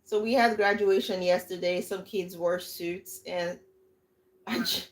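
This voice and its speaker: A Nigerian woman with a Nigerian accent hosts a livestream as a coach, offering casual, emphatic advice in a lively way and often repeating herself. Her voice is lowish and measured in pace.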